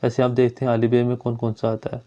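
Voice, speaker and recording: A man's voice: mid-range voice, completely flat delivery, mellow. A man teaching a grammar lesson. He explains step by step and repeats his points. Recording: dull lo-fi recording.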